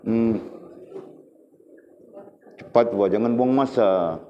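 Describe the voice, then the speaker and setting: A man's voice: lowish voice, takes it slowly, highs cut off, a little hiss or hum. Stern man teaching a religious class. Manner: stern, prodding students to recite.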